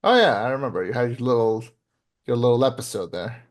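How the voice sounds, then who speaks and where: A man's voice: mid-range voice, expressive, quick pace. A man in his late twenties co-hosting a casual movie review podcast, talking bluntly and swearing freely. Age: 20s. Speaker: podcast co-host.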